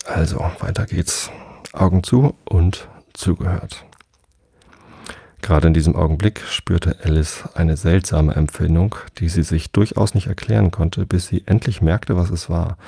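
Man, storybook reader, very low voice, gravelly, husky, dark tone, dry close sound. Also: no echo. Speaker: audiobook reader. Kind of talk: storybook reading aloud.

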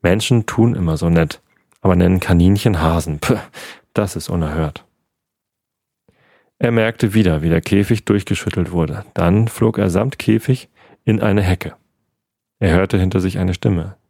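A man with a low, dark voice reads a bedtime story in a calm, unhurried way, now and then stumbling and correcting himself. There is a gravelly, husky grain to his voice, and the sound is dry and close. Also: dry recording. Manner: calm reading with small slips. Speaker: podcast host.

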